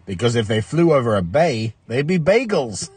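A man in his forties telling corny jokes to a phone in an exaggerated, drawn-out way, with a corny dad laugh. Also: mid-range voice, big pitch swings, darkish tone, husky. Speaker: comedian telling dad jokes on social video. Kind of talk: corny joke telling to camera, slow setup and punchline. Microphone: phone at arm's length.

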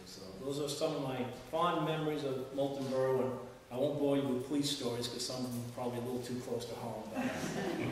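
A man in his fifties from New Hampshire, telling casual childhood stories to a small group, chatty and good-humored with lots of fillers. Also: medium pitch. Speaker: speaker at an oral history gathering. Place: wood-paneled old town meeting hall. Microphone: far camera. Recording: echoey hall from far off, noisy.

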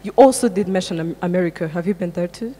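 A woman's voice: fairly low pitch, quick pace, in a large hall, noisy background. A young woman playing a talk show host in a comedic stage sketch, asking upbeat interview questions.

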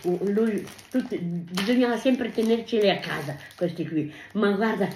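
In a casual home video, a grandmother speaks effusively, thanking people again and again and breaking into sing-song exclamations. Her voice is medium-pitched and measured, recorded in an echoey room with faint noise.

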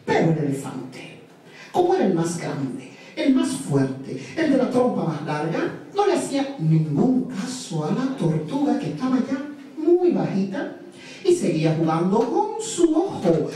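Lively mellow storyteller in an echoey hall. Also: mid-range voice, a little slow. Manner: playful, sing-song repetitions. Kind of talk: live folk tale telling. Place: live event room. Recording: echoey live room from far off.

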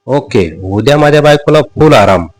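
A man's voice: medium pitch, expressive, moderate pace, no echo, lightly acted, rough recording. A flustered young husband who stammers and repeats himself when questioned, spoken by a man retelling the scene. He sounds eager but lost, reading in a mid-range male voice. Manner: hesitant, fumbling, repeats himself.

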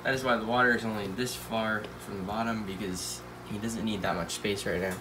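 A teenage pet channel host with a stuffy nose rambles casually, full of fillers, while filming his pet tanks on a handheld phone in a room at home packed with them. His voice is on the low side with fairly even intonation and a slightly fast pace, and there's background noise.

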